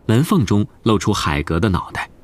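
Man, audiobook narrator, steady storytelling, lowish voice, faint noise. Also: moderate pace.

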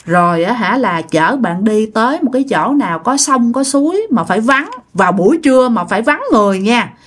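A woman with a Southern Vietnamese accent recounts a ghost story in an easy, chatty way, sprinkling her sentences with tag particles. Her voice sits a little higher than most women's. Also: expressive, brisk. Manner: chatty, loose and conversational, with frequent tag particles. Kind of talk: casual spoken ghost story.

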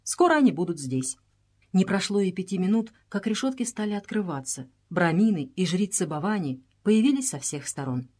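A woman narrating an adventure novel as an audiobook in a steady, measured reading voice. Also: medium pitch. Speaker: audiobook reader.

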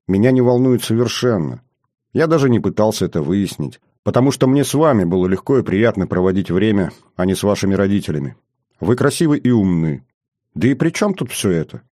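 A man's voice: fairly low pitch, sing-song, normal speed, mellow, dry recording, studio quality. A man voicing a bold, bitter young officer in an audiobook, speaking bluntly and earnestly. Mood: gentle. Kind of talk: audiobook character reading.

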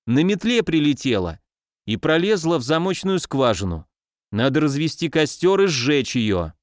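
A man voicing a moody drunk young man who swings between tears and wild excitement. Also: on the high side, moderate pace, no room sound, studio quality. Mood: drunk elated. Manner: excitable, exclaiming.

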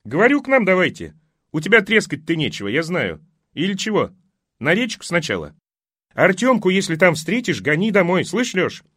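A man voicing a loud, blunt village neighbor woman who shouts over a fence in folksy speech. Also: fairly high pitch, wildly swooping pitch, moderate pace, slightly rough, no echo, clean studio sound, exaggerated voice. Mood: hollering cheerfully.

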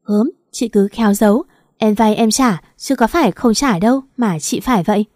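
A falsely sweet, wheedling young sister-in-law, as a woman puts her on in a storybook reading, her voice whiny and a touch mellow. She sounds dry and close to the mic. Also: mid-range voice, moderate pace, no room sound, close to an everyday voice. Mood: sulky. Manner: wheedling, whiny, fake-friendly.

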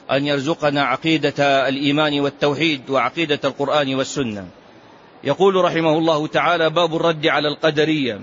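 A man teaching as a sheikh gives an impassioned religious lesson, firing off rhetorical questions in a fairly high, slightly bright voice. The recording is muffled and lo-fi, with slight background noise.

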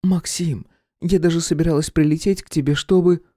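A man reading an audiobook, voicing a sharp-tongued young woman who is the hero's ex. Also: fairly high pitch, steady tone, brisk, no echo, studio quality, voice pushed up, lightly acted. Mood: pleading. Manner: snippy, hissing.

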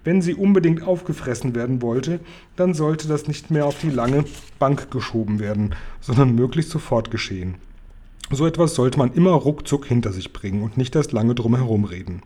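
A man narrating a children's book aloud in a calm storytelling manner. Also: medium pitch, moderate pace.

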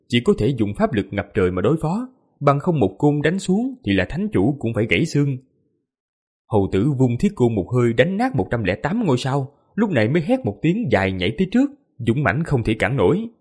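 A male audiobook narrator telling a fantasy battle epic with vivid, emphatic delivery. His voice is husky and slightly breathy, and his pitch swings widely to drive the action. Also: sing-song, brisk, darkish tone. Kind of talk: dramatic fantasy novel narration.

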